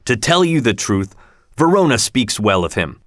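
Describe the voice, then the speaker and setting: A man's voice: mid-range voice, very animated, moderate pace, a bit bright, dry recording, studio quality. A man voicing an old nobleman and head of his house, who speaks in a stern, commanding way.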